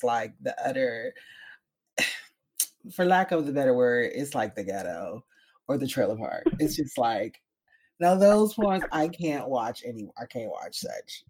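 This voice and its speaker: A woman's voice: deep voice, darkish tone. A woman co-hosting a casual chat, playful and giggly, laughing often.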